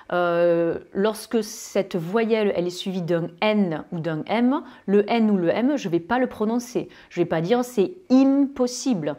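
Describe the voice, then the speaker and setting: A woman with a southern French accent teaching English pronunciation to French speakers, with many fillers and pauses, who draws out her English example words. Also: medium pitch, warm tone. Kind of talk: spoken lesson.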